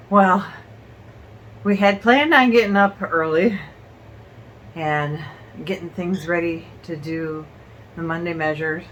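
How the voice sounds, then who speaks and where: Slow-talking breathless woman vlogger. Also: fairly low pitch, fairly bright tone, lo-fi sound, slight background noise. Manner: rambling, halting with fillers and laughs. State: out of breath from illness. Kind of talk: casual chat to camera.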